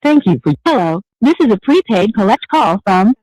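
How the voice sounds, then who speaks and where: An automated payphone system announcement heard over a prison phone call, a flat recorded prompt. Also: mid-range voice, moderate pace, no room sound.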